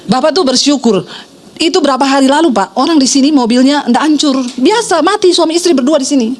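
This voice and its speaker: High-voiced woman preaching with animated storytelling. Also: fast talker. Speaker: pastor. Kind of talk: sermon.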